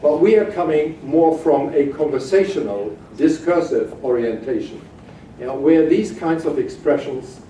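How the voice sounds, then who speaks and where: A man giving a halting academic keynote lecture, with frequent hesitations, in a conference room. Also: a little high, animated, dark tone. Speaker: keynote speaker. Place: hotel conference room, at a lectern. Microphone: far camera at back of room. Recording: echoey distant room recording with noise.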